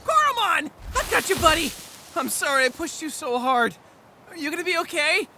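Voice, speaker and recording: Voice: extremely high pitch, sing-song, normal speed, pushed and bright, a little hiss or hum, heavily acted. An actor voicing a brash, whiny, panicky boy hero in a melodramatic cartoon parody dub, over music. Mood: remorseful. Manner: melodramatic, stammering when nervous. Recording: music behind the voice.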